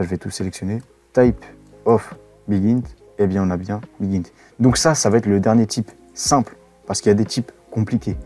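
A man's voice: lowish voice, dark tone. A man giving a casual coding tutorial, rambling with many fillers and self-corrections. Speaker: web development instructor.

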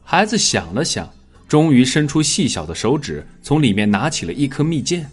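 Reading a dramatic audiobook from a script, a male narrator swings widely and lively in pitch. His voice is a little husky, his delivery measured and expressive, with soft music underneath.

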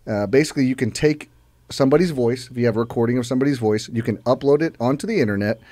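A man's voice: medium pitch, very fast, dark tone, dry recording. A man co-hosting a podcast, telling stories loosely with lots of fillers. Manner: loose, filler-heavy storytelling. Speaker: podcast co-host. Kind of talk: casual podcast chat.

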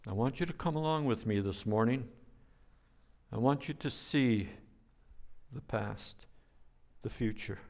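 An older man preaching a sermon as a pastor, speaking in a slow, deliberate way, with playful sound effects now and then. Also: mid-range voice, a little mellow.

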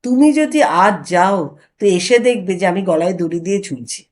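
A woman narrator voicing a suspicious, sharp-tongued older wife who scolds her husband indignantly. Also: medium pitch, lively intonation, normal speed, lightly acted. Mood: furious.

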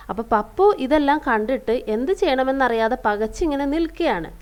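A woman teacher reading a story aloud and explaining it, asking rhetorical questions and glossing hard words. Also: fairly high pitch. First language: Malayalam. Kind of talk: reading and explaining a school lesson.

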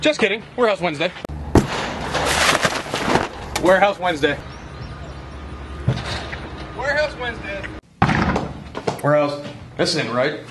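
A man's voice: high-pitched, sing-song, moderate pace, long pauses, very noisy. A young man doing a comedic vlog skit, repeating a catchphrase in many playful voices outside a warehouse. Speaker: vlogger. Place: outdoors by a warehouse lot.

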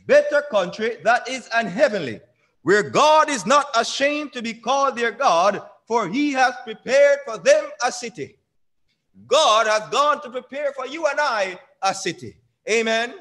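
A man's voice: sits high, a bit bright. A young man preaching a sermon from a church pulpit, drawing out key words and quizzing the congregation. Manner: call-and-response preaching, drawn-out emphatic lines, asks the congregation. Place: small church sanctuary at a pulpit. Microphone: pulpit microphone on a stand.

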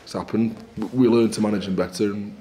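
A man in his forties, a rugby head coach answering post-match questions at a press conference in a candid, measured, upbeat way. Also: lowish voice, fairly even intonation, mellow. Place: small indoor press room in front of a sponsor backdrop.

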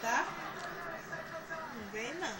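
A woman speaks in a high voice, drawing her words out slowly as she teases the person filming. She tosses off dry remarks during family banter at home. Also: animated, echoey room. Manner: teasing, dry asides. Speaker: family member. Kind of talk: casual banter.

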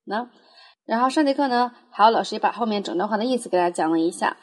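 A woman's voice: medium pitch, expressive, fast. A young adult woman teaching a language lesson, explaining patiently and reading foreign phrases aloud with frequent fillers. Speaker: Spanish teacher.

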